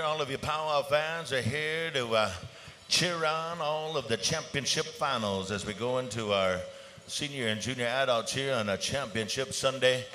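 A man's voice: mid-range voice, bright, forceful tone. A man working as a powwow emcee, announcing over an arena PA with rallying calls and casual banter. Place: large indoor arena. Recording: clear arena ambience noise around PA voice.

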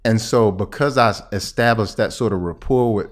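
A small indoor room, a table and a podcast microphone on a boom arm frame this interview with a middle-aged American health expert. His voice is lowish and his speed normal as he chats, explains his ideas and checks that the listener understands.

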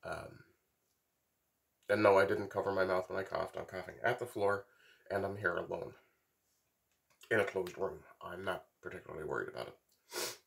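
A middle-aged man, sick with a blocked, congested nose, rambling haltingly in a casual monologue to camera in a small wooden workshop. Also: low voice, creaky, fairly bright tone. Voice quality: stuffy, congested nasal sound. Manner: rambling, halting, with long pauses. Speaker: vlogger.

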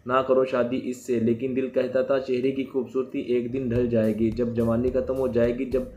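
A man's voice: medium pitch, little pitch movement, normal speed, warm tone, roomy sound, lo-fi sound, faint music behind, natural voice. A man voicing a sincere young husband tenderly declaring lasting love.

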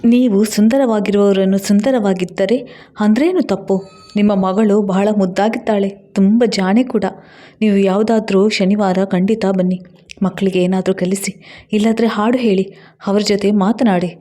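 A woman's voice: mid-range voice, fairly even intonation, normal speed, warm tone, natural voice. A woman doing a kind, encouraging schoolteacher.

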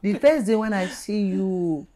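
A woman with a Nigerian accent playing a bossy gang boss who taunts, threatens and shouts. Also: mid-range voice, animated, a little slow, natural voice. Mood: menacing. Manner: mocking, then bursts into shouted threats.

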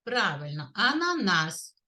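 Slow, lively-voiced kindergarten teacher woman. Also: mid-range voice. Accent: Ukrainian. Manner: slow, clear, sing-song teacher talk, praising often. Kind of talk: literacy lesson for young children. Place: kindergarten classroom.

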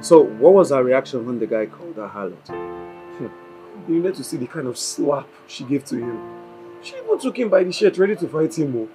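A man's voice: medium pitch, fairly quick, faint music behind, close to an everyday voice, poor audio. An actor with a Nigerian accent playing a man urging his friend to talk to his girlfriend. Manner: pleading, lively. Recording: film score under dialogue.

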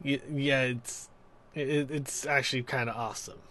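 A man's voice: mid-range voice, fairly even intonation, moderate pace, sharp tone. A man hosting a casual build video with friends, joking in pirate talk, laughing often and stumbling over his words. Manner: jokey, laughs often, stammers into restarts, hams up pirate talk. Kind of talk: casual chat among friends.

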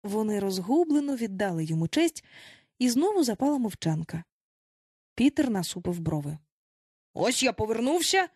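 A woman narrating a children's storybook aloud with animated expression. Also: medium pitch, moderate pace, breathy edge, dry recording, clean studio sound. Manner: animated, voices each child in turn. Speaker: audiobook narrator.

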